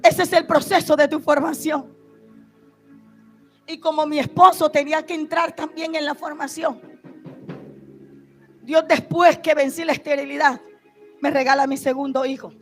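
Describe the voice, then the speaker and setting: A woman preacher giving an impassioned testimony sermon, shouting at the peaks and dropping soft and slow in the painful parts. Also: sits high, steady tone, soft background music. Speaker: prophet, preacher. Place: church or conference stage.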